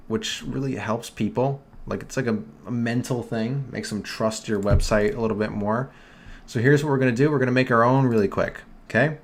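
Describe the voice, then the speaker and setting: A young man with a New York accent hosting a casual live screen-share tutorial, chatting to viewers and correcting himself as he works. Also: on the low side. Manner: chatty, self-correcting, talks to chat while working. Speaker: livestream host teaching online store building.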